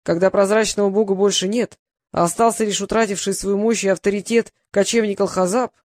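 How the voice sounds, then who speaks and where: A woman's voice: medium pitch, steady tone, brisk, darkish tone, no echo, lightly acted. A grim knight-mage from a fantasy storybook, voiced by a woman. He speaks formally and ominously, a toast that sounds like a warning. Dry and close.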